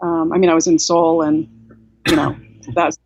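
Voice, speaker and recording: Speaking from a home room over a laptop webcam mic, a guest author in her sixties, raised in South Korea, muses at length in a casual video-call interview. Her voice is low-pitched with little pitch movement and a moderate pace, full of "you know"s and restarts. The audio is dull and dry, with a noisy background.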